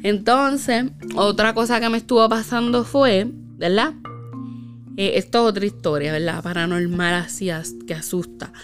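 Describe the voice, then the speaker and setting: A woman's voice: medium pitch, normal speed, soft background music. A woman casually telling a spooky personal story, with lots of fillers and tag questions.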